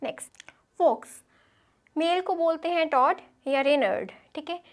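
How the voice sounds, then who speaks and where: A woman's voice: high voice, lively intonation, a little slow. A woman with an Indian accent teaching English grammar in Hindi, checking in with listeners as she goes. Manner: explains in Hindi, checks in with frequent "theek hai". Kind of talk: classroom lecture over slides.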